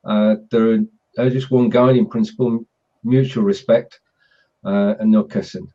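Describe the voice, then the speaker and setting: A man hosting a casual online chat show, explaining things in a halting, measured way. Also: fairly low pitch, steady tone, warm tone. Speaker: host. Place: group video call. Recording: dull, lo-fi video call audio.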